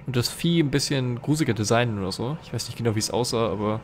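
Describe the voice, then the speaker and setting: A man's voice: mid-range voice, fast talker, slight background noise. A young man commenting live on a horror game as a let's play host, restless and jumpy, swearing and talking to his viewers. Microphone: facecam with desk mic.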